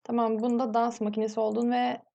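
A woman's voice: fairly high pitch, little pitch movement, fast, gravelly, mellow, dull audio. A young woman casually commenting on her life-sim gameplay, chatting and scolding the characters on screen. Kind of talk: casual let's-play commentary.

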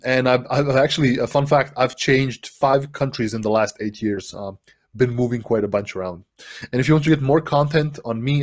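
A man in his thirties from Serbia, giving an energetic online workshop talk on a headset mic from a room at home, full of fillers and rhetorical "right?"s. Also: mid-range voice. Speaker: developer advocate giving a workshop.

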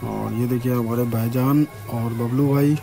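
A man's voice: mid-range voice, fairly even intonation, measured pace, creaky, music in the background. Young man vlogging in a crowded shrine. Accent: Farrukhabad Hindi. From India. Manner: chatty, points things out to viewers. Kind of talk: casual walking tour vlog. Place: crowded decorated shrine courtyard at night. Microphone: handheld phone camera.

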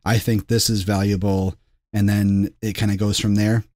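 A man's voice: on the low side, flat delivery, moderate pace, a little mellow, no echo. A man co-hosting a podcast, asking questions and summing up what he hears in casual talk. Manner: curious, sums things up in his own words. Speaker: podcast co-host. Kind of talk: casual chat.

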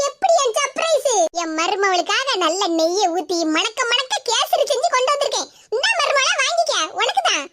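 A woman's voice: very high-pitched, sing-song, moderate pace, heavy background noise. A woman voicing a sweet, fussing older mother-in-law in a cartoon, speaking with a Tirunelveli Tamil accent. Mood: doting. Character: affectionate older mother-in-law, doting and cheerful. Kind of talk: cartoon voice acting.

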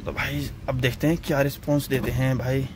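A young man, an excitable car vlogger commentating a roadside drag race, repeating himself and calling everyone brother. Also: mid-range voice, fairly quick. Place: outdoors on a road beside cars. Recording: outdoor recording with loud car and road noise. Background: car engines and street noise.

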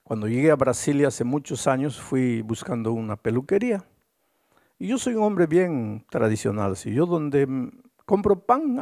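A male pastor tells a story in his sermon with lively, swooping intonation and rhetorical questions. His voice is gravelly and husky, with a dark, mellow tone. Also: fairly high pitch.

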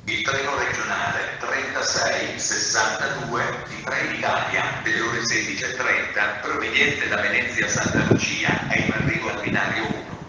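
A man's voice: mid-range voice, fairly even intonation, normal speed, few pauses. Echoing male train station announcement. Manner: formal, segmented automated delivery. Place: outdoor railway platform, over public-address speakers. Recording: echoey outdoor loudspeaker from far off, loud noise. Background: loud station ambience and vehicle noise.

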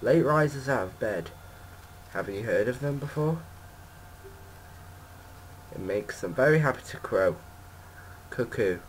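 A man's voice: fairly low pitch, a little hiss or hum, lightly acted, poor audio. A man voicing a fussy young woman who breeds cuckoos, reading her game lines aloud in a lightly put-on voice. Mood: chatty.

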